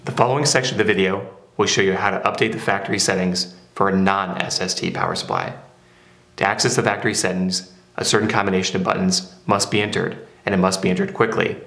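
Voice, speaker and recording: A man's voice: sits low, steady tone, fast, a bit bright. A man narrating a step-by-step product how-to in a plain, methodical way. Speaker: product demonstrator. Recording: roomy echo.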